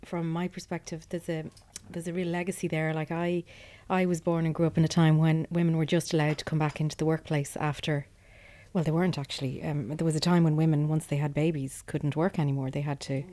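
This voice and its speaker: Reflective Irish woman, late 40s, low and mellow, even delivery. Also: brisk. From Ireland. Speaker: roundtable guest. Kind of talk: casual discussion.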